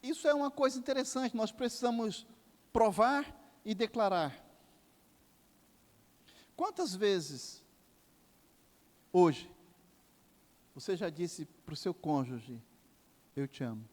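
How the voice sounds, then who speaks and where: Older Brazilian male pastor, fervent preacher, a bit high-pitched, church hall reverb. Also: lively intonation, slow, long pauses. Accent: Brazilian Portuguese. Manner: impassioned preaching with sweeping rises and drops. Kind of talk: sermon. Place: church sanctuary.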